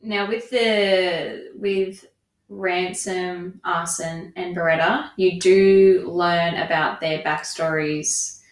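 A woman's voice: fairly low pitch, steady tone, slow pace. Woman podcaster in an echoey room. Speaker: podcast co-host. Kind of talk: casual book review chat.

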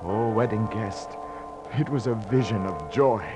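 A lowish, natural-sounding male voice, unhurried and backed by music, plays a haunted sailor weighed down by guilt as he tells of a voyage gone to ruin. The noisy old 1940s radio recording captures verse-like narration in fervent, theatrical style, anguished in delivery and haunted and awed in feeling.

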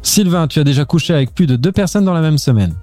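A man's voice: fairly high pitch, animated, fast talker, mellow, soft background music. A man hosting a casual podcast, firing quiz questions at his co-hosts and laughing often.

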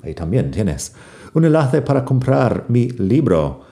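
A man teaching English vocabulary, reading example sentences slowly twice and translating them. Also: medium pitch, sing-song, vocal fry, dark tone. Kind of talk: vocabulary lesson.

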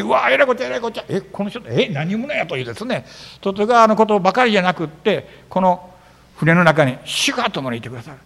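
Man preaching in a church hall, fairly high voice, storyteller who acts out lines. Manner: animated storytelling, acting out biblical dialogue. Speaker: pastor. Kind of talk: sermon. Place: church sanctuary.

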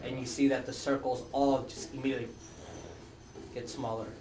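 A man running a tabletop game as game master, narrating off the cuff and often pausing mid-sentence. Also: medium pitch, level tone, background noise. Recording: echoey room, distant mic, music behind.

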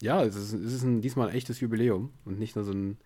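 A podcast host with a warm, fairly even voice talks fast despite being unwell with a headache. His casual chat is rambling, full of fillers, tired and low-key, and it's captured via a bot on a remote call.

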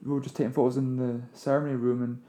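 A man chatting casually on a podcast, relaxed and a little mumbly. His tone is mellow and dark, at an ordinary pitch for a man. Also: very fast. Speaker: wedding photographer, podcast co-host. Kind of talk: casual chat.

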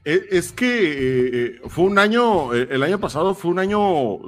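A man's voice: high-pitched, lively intonation, a little slow. A man with a Mexican accent hosting a podcast in casual, slangy conversation. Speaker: podcast host. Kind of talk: casual chat.

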